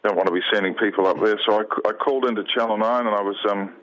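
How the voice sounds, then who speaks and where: Older man from New Zealand, radio guest; bright, pressing voice, halting, emotional, keeps restarting. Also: on the low side, steady tone, muffled recording. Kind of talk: phone interview on radio.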